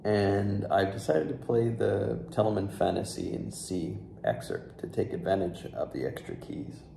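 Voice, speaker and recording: A young man in his twenties, a flute restorer, talking casually to the camera about his work in a relaxed way with fillers. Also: fairly low pitch, moderate pace, gravelly. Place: sunroom with large windows, indoors. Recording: echoey room with faint background noise.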